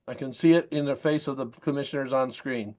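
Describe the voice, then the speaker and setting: A man's voice: mid-range voice, brisk, a little mellow, muffled recording. A man giving public comment over a video call, his voice echoing back on the line as he keeps checking that he is heard. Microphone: computer or headset on a video call.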